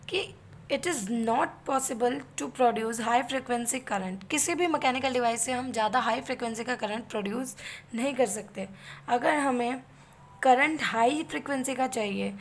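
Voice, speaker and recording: A woman with an Indian accent and a voice on the high side teaches as a physiotherapy instructor, with a little hiss or hum in the recording. Her explanatory lecture mixes two languages, and she frequently checks in with the listener.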